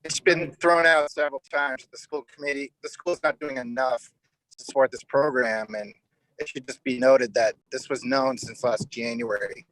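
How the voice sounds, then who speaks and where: A man's voice: mid-range voice, fairly even intonation, moderate pace, fairly bright tone, rough recording. Man on a breaking-up video call. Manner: earnest, repeats words when pressed. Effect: video call audio with a connection breaking up. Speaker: town meeting participant. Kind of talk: public meeting discussion.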